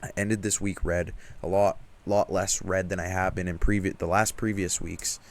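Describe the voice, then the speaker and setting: Young male vlogger, very low voice, frustrated self-critical rant, emphatic and casual. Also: little pitch movement, moderate pace. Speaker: trading vlogger. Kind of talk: candid self-reflective vlog rant.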